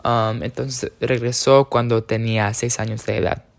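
A man's voice: mid-range voice, level tone, normal speed, vocal fry. A young man from the United States speaking casually about his own experience, hesitant, with many fillers and self-corrections. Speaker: speaker sharing personal experience. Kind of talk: casual personal talk.

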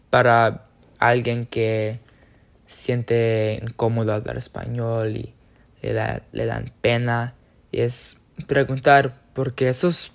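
A young American man with a medium-pitched, creaky voice talks casually about his own experience. He sounds hesitant, full of fillers and self-corrections.

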